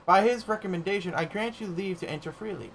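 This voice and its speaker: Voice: mid-range voice, fast talker, a bit bright, voice pushed up, close to an everyday voice, rough recording. Gamer putting on a solemn gate guard, ominous and grand, slight background hum. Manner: grandiose, stumbles over lines. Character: solemn male gatekeeper guarding a beast-filled ruin. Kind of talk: reading game dialogue aloud.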